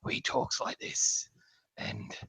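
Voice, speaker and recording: A man voicing a mock-melodramatic narrator in a raspy, unvoiced whisper, parodying an overwrought style. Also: slow, sharp tone, rough recording.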